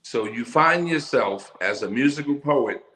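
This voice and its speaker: A middle-aged man talking as an interview guest about his work, telling his story in an emphatic, animated way. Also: mid-range voice, measured pace, echoey room. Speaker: interview guest, musical poet. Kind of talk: casual conversational interview.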